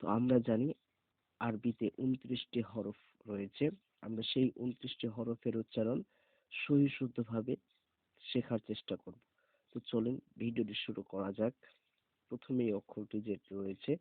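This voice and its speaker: A man teaching Arabic letter pronunciation, saying each letter slowly and repeating it several times. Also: medium pitch, no room sound. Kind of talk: slow pronunciation lesson. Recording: tinny phone-like sound.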